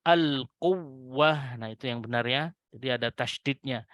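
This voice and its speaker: A man teaching Quran recitation rules to adult students, patiently repeating example words slowly with a lifted voice and addressing his listeners politely. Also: mid-range voice, steady tone, bright, forceful tone, dry recording, clean studio sound. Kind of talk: tajwid lesson to adult students.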